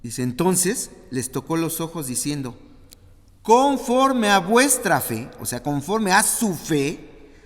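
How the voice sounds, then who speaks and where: A man with a Mexican Spanish accent preaching a sermon in a church, acting out the voices of Bible figures as he tells them. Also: mid-range voice. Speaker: pastor. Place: church hall. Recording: reverberant church hall.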